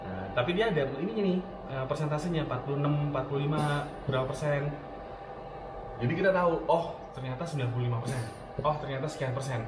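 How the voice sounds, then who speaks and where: A man's voice: a little high, quick pace. Man, casual reviewer, loose and filler-heavy, distant from the mic in an echoey room. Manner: relaxed, many fillers and restarts, mixes in English words. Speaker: product reviewer. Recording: roomy, off-mic, with steady room noise.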